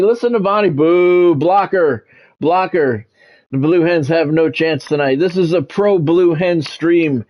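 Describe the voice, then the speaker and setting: With a slightly high, darkish voice, this middle-aged game streamer does play-by-play commentary in the style of a radio sportscaster. He talks with his viewers and repeats phrases to drive points home.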